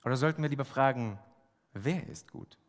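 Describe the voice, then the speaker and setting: A man's voice: medium pitch, fairly quick. A man preaching a sermon, speaking emphatically and asking the congregation rhetorical questions. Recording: long hall reverb.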